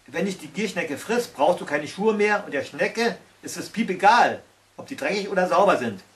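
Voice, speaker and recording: A gruff, dismissive storybook character, as a male storyteller puts him on. The voice sits a bit high and somewhat loud. It is heard from a distance from the mic. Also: lively intonation, normal speed. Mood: scolding. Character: Hans Karl Björn, brusque fairy-tale character.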